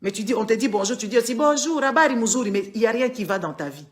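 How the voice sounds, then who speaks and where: Her fairly high voice is expressive and quick as this woman, from the Democratic Republic of the Congo, offers live-streamed political commentary. She lectures emphatically, reprimanding her viewers and repeating words for force.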